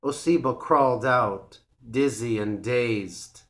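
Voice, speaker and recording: Male narrator for learner stories, very slow and deliberate, mid-pitched. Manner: slow, clear and measured reading. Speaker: English teacher. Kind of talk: storybook read-aloud for English learners.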